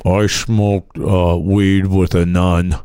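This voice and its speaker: A man putting on a disguised deep voice to play an anonymous male whistleblower, mumbling a slow mock confession. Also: little pitch movement, mellow, clean tone, dry recording. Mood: mock-serious. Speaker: podcast co-host. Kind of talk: joking bit in a casual podcast.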